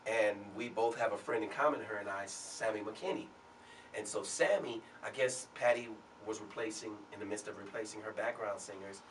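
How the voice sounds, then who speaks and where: A man who is a singer and a guest on a talk show. He tells stories from his career in a relaxed way. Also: fairly low pitch, normal speed, recorded from a distance, a little hiss or hum. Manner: relaxed anecdotal storyteller. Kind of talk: storytelling in an interview.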